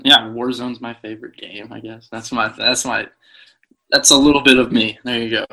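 A man's voice: mid-range voice, little pitch movement, normal speed, creaky, pushed and bright. A young man in casual podcast chat with friends, joking and teasing. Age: young adult. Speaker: podcast co-host.

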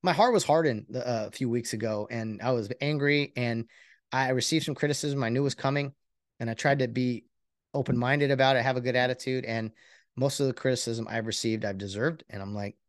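A man hosting a podcast alone, talking in a rambling, earnest and self-reflective way, with many halting restarts. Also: medium pitch, no echo, clean studio sound. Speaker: podcast host. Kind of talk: casual solo podcast monologue.

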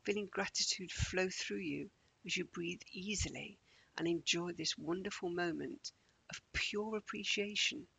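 A man leading a guided morning meditation in a slow, gentle, calming way, often dropping close to a whisper. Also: sits high, creaky, slightly rough, poor audio.

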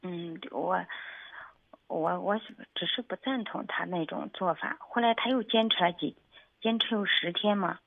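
Woman caller, hesitant and stammering, gravelly voice over a thin phone line. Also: fairly low pitch, no room sound. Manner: halting, hesitant, many restarts. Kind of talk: radio call-in, telling a personal problem. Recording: phone-line call on radio.

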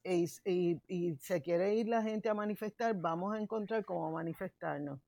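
A woman's voice: fairly low pitch, moderate pace, vocal fry, dark tone, no room sound. Emphatic woman, dry sound. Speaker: podcast co-host. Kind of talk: casual political chat.

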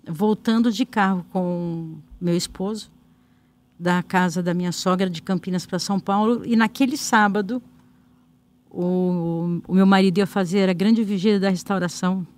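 A woman's voice: fairly low pitch, steady tone, normal speed, a little mellow. Brazilian woman telling an earnest story. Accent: Brazilian Portuguese. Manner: storytelling with quoted dialogue, earnest. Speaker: guest singer. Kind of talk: personal faith testimony.

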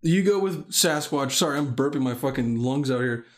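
A young man hosts a casual podcast, joking around, swearing and rambling as he goes. His voice sits mid-range with lively intonation and a moderate pace.

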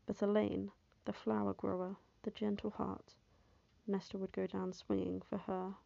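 A woman narrating an audiobook in first person, with a steady, even reading. Her voice is deeply gravelly and dark, with little rise and fall. The recording is dull, lo-fi and dry. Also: dry recording.

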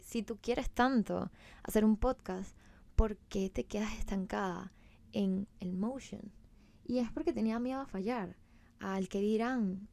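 A woman's voice: medium pitch, creaky, dark tone, no echo. A young woman hosting a solo podcast in a casual, chatty, emphatic way, mixing in English words. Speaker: podcast host.

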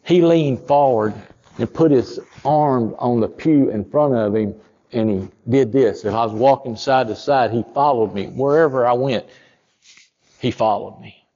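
A man, a pastor telling a story in a sermon, folksy and rising to loud emphatic peaks. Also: mid-range voice, a little slow, long reverb tail, lo-fi sound.

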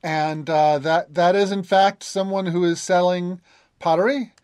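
A man's voice: high-pitched, fairly even intonation, a little slow, darkish tone, clear, resonant tone, no room sound, clean studio sound. A man narrating as game master in a tabletop game, hesitant, with many fillers and restarts.

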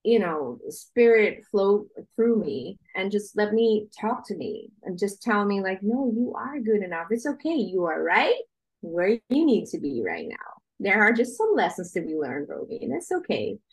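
A woman's voice: medium pitch, very animated, normal speed, husky. A woman from the Netherlands with a Dutch accent, a singer and songwriter speaking as an interview guest, upbeat and encouraging, and she laughs easily. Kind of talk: casual interview chat.

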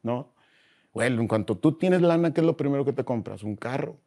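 A man with a Mexican Spanish accent, a guest in a casual interview, talking in slangy, animated bursts and acting out voices as he tells stories. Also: mid-range voice, fairly quick.

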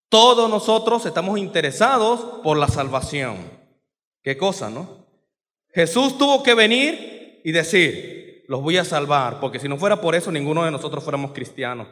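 A man preaching a sermon, dramatic, moving between loud outbursts and quiet asides. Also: high-pitched, in a large hall.

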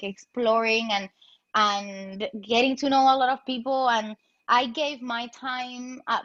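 A woman's voice: on the high side, fairly bright tone, muffled recording. A woman talking through her personal story in a casual, heartfelt way, with many fillers and restarts.

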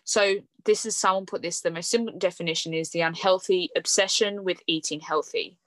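A woman's voice: lowish voice, steady tone, a little fast, fairly bright tone, dry recording. A young woman hosting a podcast, chatting casually with frequent fillers and light laughs. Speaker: podcast host. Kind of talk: casual conversational podcast chat.

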